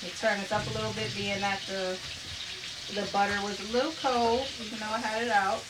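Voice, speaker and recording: A woman's voice: medium pitch, fairly even intonation, a little fast, very noisy. Chatty woman cooking over a sizzling pan. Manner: chatty and upbeat, often laughing. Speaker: cooking show host. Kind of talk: live cooking demonstration. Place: home kitchen. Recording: distant mic with loud sizzling pan.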